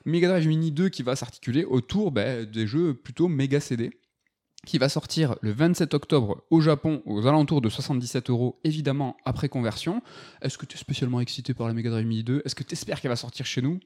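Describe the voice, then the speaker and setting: A man hosts a laid-back gaming podcast, talking through news in a chatty way. He often stops for fillers and restarts. His voice sits at a middle pitch. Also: a little fast, mellow. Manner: chatty, lots of hesitation fillers. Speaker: podcast host. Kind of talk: casual gaming podcast chat.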